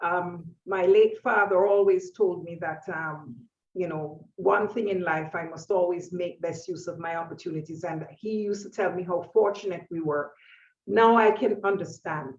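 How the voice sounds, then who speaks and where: A woman's voice: lowish voice, moderate pace, dull audio. Reflective woman around sixty, distant echoey sound. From Jamaica. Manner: reflective, thoughtful, with frequent fillers and restarts. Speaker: author and painter, guest. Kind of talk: conversational interview.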